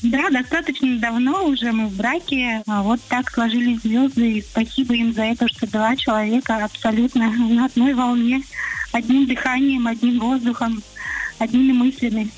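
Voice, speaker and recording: A woman's voice: a little high, fairly even intonation, normal speed, a little mellow, rough recording. A woman calling in to a radio show, giving heartfelt, rather formal greetings. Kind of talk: formal, heartfelt congratulation call.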